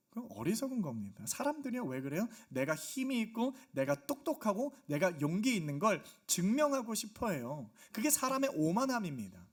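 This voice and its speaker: A male pastor preaching a Sunday sermon in a church, driving his points home with rhetorical questions and emphatic repetition. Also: high voice. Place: church sanctuary.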